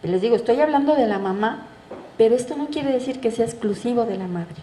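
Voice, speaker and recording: A middle-aged woman lectures to an audience, her voice slightly high yet mellow and warm. She speaks conversationally and keeps asking rhetorical questions. The room is echoey, with a faint hum of background noise. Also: lively intonation, brisk. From Mexico. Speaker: psychoanalyst giving a talk. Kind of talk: public lecture. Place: bookstore event space.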